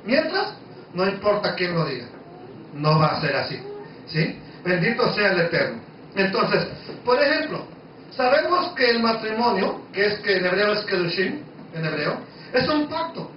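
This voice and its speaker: High-pitched guy preaching, keeps quizzing the room, super echoey and kinda far from the mic. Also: big pitch swings, normal speed, highs cut off, a little hiss or hum. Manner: asks the congregation questions, emphatic and conversational. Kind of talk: Bible-study sermon.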